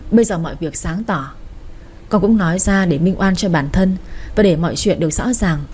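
A woman's voice: on the low side, brisk, darkish tone, breathy edge. A woman voicing a polite, composed young sister-in-law who speaks deferentially. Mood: polite calm.

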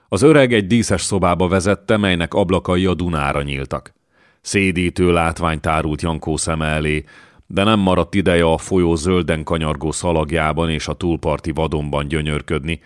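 A male audiobook reader with an extremely deep voice, narrating in a measured, even way. He is recorded close on the mic, and the sound is dry with no room in it. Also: no echo. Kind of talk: scripted narration of a historical novel.

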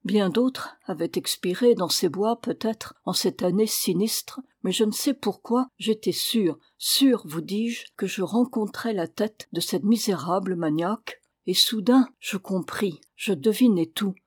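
A woman narrating a classic short story as an audiobook, in a measured, steady storytelling manner. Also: mid-range voice, breathy edge, dry recording, studio quality.

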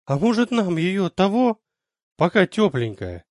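A man's voice: high-pitched, sing-song, measured pace, no room sound, studio quality, voice pushed up. Man doing a sleazy fawning soldier. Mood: wheedling. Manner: wheedling, greedy, pleading. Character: sleazy lustful male soldier, fawning and menacing.

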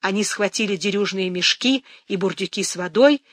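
A narrator reading a novel aloud in a measured, dramatic audiobook style, recorded close to the mic. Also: mid-range voice, a bit bright, dry recording.

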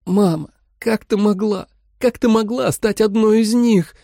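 A man's voice: sits high, lively intonation, moderate pace, vocal fry, dark tone, husky, dry recording, studio quality, voice pushed up, exaggerated voice. A man doing a tense young huntress. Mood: pleading. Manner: pleading, then firm. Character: young woman hunter, tense, determined.

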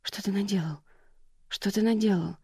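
Narrator doing a panicky young woman, keeps repeating herself, dark flat voice. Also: mid-range voice, brisk, slightly rough, dry recording, clean studio sound. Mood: horrified.

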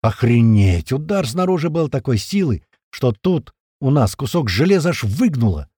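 A man narrating a first-person audiobook in a colloquial, rough-spoken, vivid way. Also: on the high side, big pitch swings, moderate pace, darkish tone, no echo, studio quality.

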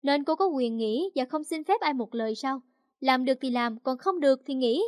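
A woman's voice: sits high, lively intonation, no room sound, clean studio sound. A woman voicing a cold, bossy female manager on the phone. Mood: curt. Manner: brisk, cold.

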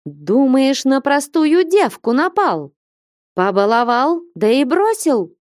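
A woman voicing a bold, impatient young woman who scolds and mocks in a raised, lively voice. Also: sits high, slow, no echo, studio quality, voice pushed up, exaggerated voice. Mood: scolding. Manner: scolding, insistent, mocking.

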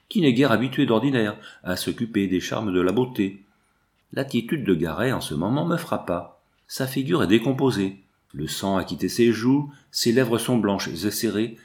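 A man reading a novel aloud in a measured, descriptive narration. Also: on the low side, darkish tone. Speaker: audiobook narrator.

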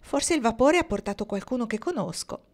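A woman reading aloud, voicing an excitable young woman who shrieks with joy in a high, loud voice. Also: fairly quick, natural voice. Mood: overjoyed, shrieking.

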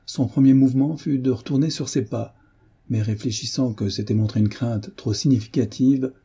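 Husky dark-voiced man reading a novel. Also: medium pitch. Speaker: audiobook narrator. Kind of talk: scripted narration of a novel.

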